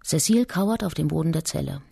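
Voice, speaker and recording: A woman giving a calm, measured documentary narration. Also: sits low, vocal fry, heavy background noise.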